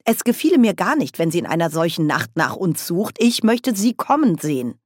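A woman reading an audiobook, voicing a bawdy, cheerful old witch in a loud, hearty, raised voice. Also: on the low side, very animated, normal speed, no echo, clean studio sound. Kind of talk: audiobook character voice.

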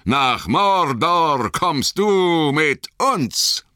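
Brief: male narrator as sinister dark riders, cutting and cold, slow raised calls. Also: a little high, sing-song, no echo, studio quality, pitched above the performer's own voice, exaggerated voice. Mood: mocking.

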